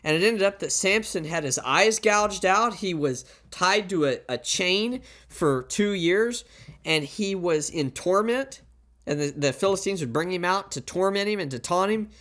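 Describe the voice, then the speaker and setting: Man, preacher, high voice, pulpit microphone, conversational sermon, rhetorical questions, repeated warnings. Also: animated, a little slow, fairly bright tone.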